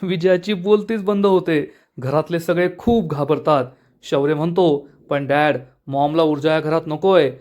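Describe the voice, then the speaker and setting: A man's voice: fairly high pitch, a little slow, a little mellow. A man narrating a TV serial episode recap, reading the characters' lines with raised emotion. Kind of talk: dramatic retelling of a TV serial.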